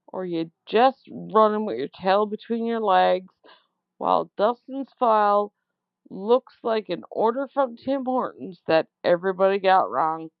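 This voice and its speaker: A woman's voice: medium pitch, creaky, clean tone, no echo. Woman leaving an angry phone voicemail. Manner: slow, emphatic, indignant, repeats words for stress. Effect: leaving a voicemail over a phone line. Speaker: caller leaving a voicemail for a politician. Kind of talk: angry complaint message.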